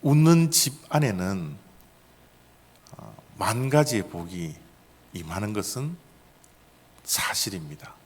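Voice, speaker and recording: A male pastor preaching a sermon, animated and putting questions to the congregation. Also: on the low side, slow pace, pauses often, husky, in a large hall. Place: church sanctuary.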